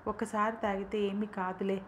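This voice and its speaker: A woman reading the lines of a father who coaxes his young daughter, speaking softly and patiently in a storybook reading. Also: medium pitch, little pitch movement, moderate pace, slight background noise, lightly acted. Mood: coaxing. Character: loving but harried father, adult man.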